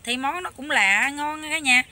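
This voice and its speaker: A young woman with a Southern Vietnamese Mekong Delta accent, chatting loudly and eagerly to viewers while she cooks in a rural hut kitchen. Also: high voice, moderate pace. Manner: loud, chatty, enthusiastic, talks over noisy kids. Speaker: cooking vlogger. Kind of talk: casual cooking vlog chat.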